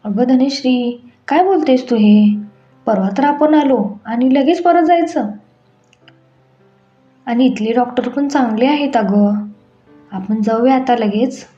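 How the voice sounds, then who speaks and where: A woman's voice: fairly high pitch, steady tone, moderate pace, mellow, close to an everyday voice. A woman voicing a caring, protective young husband who speaks in a concerned, coaxing tone. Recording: echoey room, dull sound, faint music.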